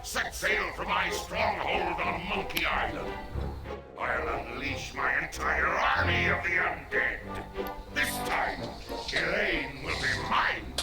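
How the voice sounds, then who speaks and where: Booming undead pirate captain villain monologue, gloating and slow, echoey, game music blasting. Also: male voice, big pitch swings, exaggerated voice. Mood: menacing command. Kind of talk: theatrical video game villain acting. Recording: echoing game audio under loud music. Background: loud game music.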